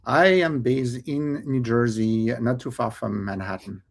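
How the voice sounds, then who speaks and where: A French-accented man talks casually as a podcast guest. He hesitates often, fills pauses with "um" and "you know", and restarts his sentences, with easy laughs in between. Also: mid-range voice, gravelly. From France. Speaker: podcast guest, cookbook author. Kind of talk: casual interview chat.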